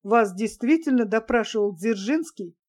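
A woman's voice: fairly high pitch, expressive, moderate pace, darkish tone. A woman voicing a stern male lieutenant colonel who speaks in a clipped, formal way.

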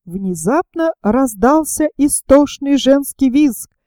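High-voiced, slow woman narrator. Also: lively intonation, warm tone, no echo. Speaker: audiobook narrator. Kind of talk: scripted narration.

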